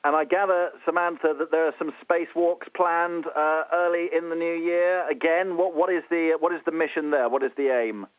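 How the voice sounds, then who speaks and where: A man interviewing as a radio presenter, asking polite, measured questions over a narrow radio link. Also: fairly high pitch, fairly even intonation, no echo. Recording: tinny phone-like link, dry.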